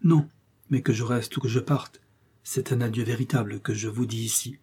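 A man voicing an earnest, sorrowful young man in a classic novel read aloud, speaking in a grave and measured way. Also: mid-range voice, steady tone, a little mellow, breathy edge, lightly acted. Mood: sad. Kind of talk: audiobook character reading.

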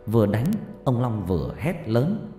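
A man's voice: fairly low pitch, big pitch swings, measured pace, mellow. A man narrating a horror story in a dramatic, suspenseful way. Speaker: audiobook storyteller. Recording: reverb-heavy narration with faint music.

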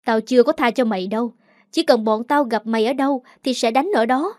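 A woman's voice: a little high, a little fast, a little mellow, no room sound, clean studio sound, lightly acted. A woman voicing a fierce, hostile woman who threatens in a coarse way. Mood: threatening.

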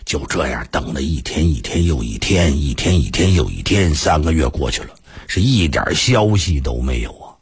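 A man performing a traditional story for radio, lively and dramatic, with asides to listeners. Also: extremely low pitch, normal speed, husky. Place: radio studio.

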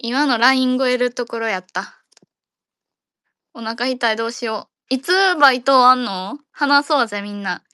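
Playful Kansai woman, bright voice. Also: a little high, normal speed, smooth, no room sound, clean studio sound. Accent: Kansai Japanese. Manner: playful, jokey, rambling. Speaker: host of an audio chat room. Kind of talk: casual chat.

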